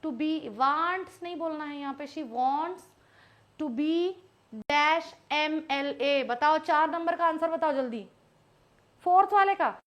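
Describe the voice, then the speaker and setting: A woman teaching English grammar in a live online class, speaking Hindi with English mixed in. She is patient and repeats words slowly so they stick. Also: high voice.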